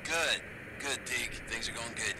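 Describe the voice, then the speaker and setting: A friendly male biker comrade comes through a buzzy radio call that crackles and drops out. His talk is easygoing and halting, at an ordinary mid pitch. A steady wash of noise sits behind him. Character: loyal adult male biker friend checking in. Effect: buzzy, cutting-out radio call.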